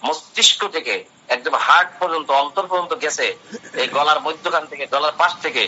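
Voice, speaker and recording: A man's voice: fairly high pitch, a little fast, sharp tone. A man giving a religious talk, translating Arabic phrase by phrase and asking and answering his own questions. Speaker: Islamic lecturer. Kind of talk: religious talk explaining Quran verses. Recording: dull lo-fi sound.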